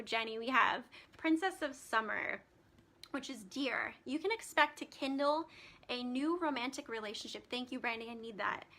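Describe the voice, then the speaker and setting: With a slightly high, bright voice carrying some vocal fry and a forceful edge, a woman leads a live stream as a spiritual healer. She chats casually, says um often, and reads card meanings, all while her voice grows scratchy.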